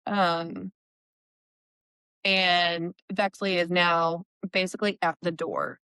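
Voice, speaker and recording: Chatty woman, low smooth voice, dry close sound, recapping a book with lots of fillers. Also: level tone, slow, bright, forceful tone, no echo. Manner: chatty retelling, frequent "like" and "um". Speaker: podcast co-host. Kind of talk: casual book-recap chat. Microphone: remote call.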